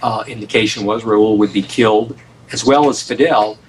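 A man's voice: on the low side, steady tone, moderate pace, recorded from a distance, slight background noise, low-quality recording. An American man telling a story as an interview guest, emphatic, often repeating and restarting his phrases. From United States. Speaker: guest author on a radio show.

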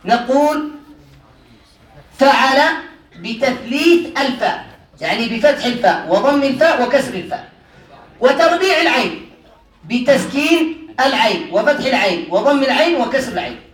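A religious teacher with a high, very animated voice leads a classroom grammar lesson, speaking a little fast. He quizzes students, repeats their answers, and laughs often, all picked up by a distant mic in a roomy space.

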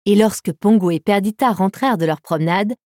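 Brief: woman storyteller, warm dark tone, dry close studio sound. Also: mid-range voice, brisk, dry recording. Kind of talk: scripted audiobook narration.

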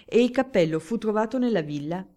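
A woman voicing a talkative, flattering male newspaper journalist in an audiobook, speaking in a glib, declamatory way. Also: mid-range voice, a little fast, pitched above the performer's own voice, natural voice. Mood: eager. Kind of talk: audiobook character reading.

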